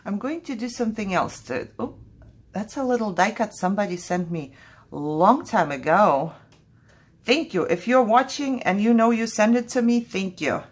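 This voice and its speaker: A crafting channel host from Kazakhstan, whose first language is Russian, hosts a casual crafting vlog in English. Her medium-pitched voice is slightly rough with lively intonation at normal speed. She talks in a chatty, jittery way and laughs often.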